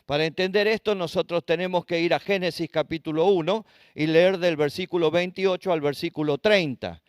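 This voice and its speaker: A man with an Argentine accent teaches a Bible study in a church, pitching his voice on the high side. He asks his listeners questions and spells out Hebrew terms letter by letter. The sound is dry and close, with no room echo. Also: fairly even intonation, fairly quick. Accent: Argentine Spanish.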